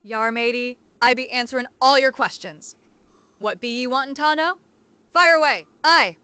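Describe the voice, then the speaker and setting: Synthetic voice as a cheery pirate AI, bright and smooth, piles on the pirate slang. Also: high voice, moderate pace, no room sound. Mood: cheerful. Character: jolly pirate-talking AI voice agent.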